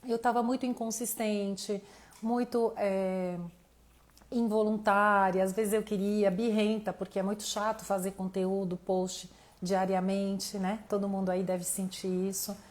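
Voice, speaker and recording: Speaking straight to her audience in an online live class, a mentor with a Brazilian accent teaches informally and motivationally to camera, thinking aloud as she goes. Her medium-pitched voice is level, unhurried and a little mellow, but it's tiring and starting to fade slightly.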